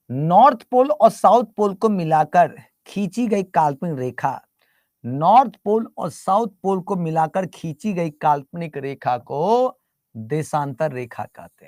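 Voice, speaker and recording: Recorded dry and in studio quality, a man with a somewhat high voice lectures his class in Hindi sprinkled with English terms. His teasing style relies on repeating terms and repeated call-and-response questions for students to answer.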